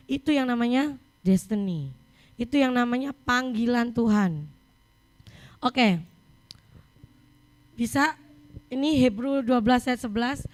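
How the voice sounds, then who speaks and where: High-voiced woman preaching a lively sermon. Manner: lively storytelling, mixing in English scripture reading.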